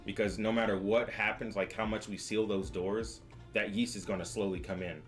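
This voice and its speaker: Joking young brewer with a lowish voice. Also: male voice, fairly even intonation, moderate pace, soft background music. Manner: joking, explains beer styles at length. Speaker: brewer leading a beer tasting. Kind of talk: casual chat.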